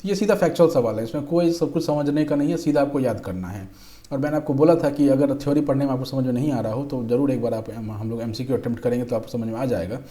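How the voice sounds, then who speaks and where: A young man works through exam questions like a patient tutor, reading each option aloud. His voice is mellow and warm, pitched in a middle range. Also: fast. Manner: patient, repeats "ठीक है", reads options aloud. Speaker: exam-prep teacher. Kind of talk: explaining quiz questions.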